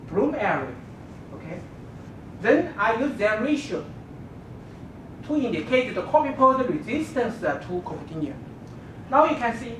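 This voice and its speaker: A woman giving an academic thesis defense presentation, explaining step by step in a halting way. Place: dark lecture room with projection screen. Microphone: distant camera microphone. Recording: distant, echoey room recording with rumbling noise.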